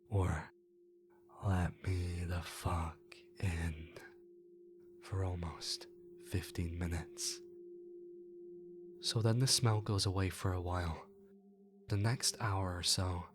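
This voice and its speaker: A man reads a horror story aloud in a low voice, taking his time over every line. His telling is measured and unhurried, slipping into hushed tones. A faint hiss sits under the voice.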